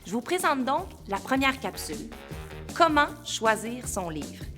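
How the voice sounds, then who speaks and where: A woman's voice: on the high side, very animated, measured pace, sharp tone, soft background music. A woman hosting an educational video, welcoming viewers cheerfully in a scripted introduction. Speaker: host.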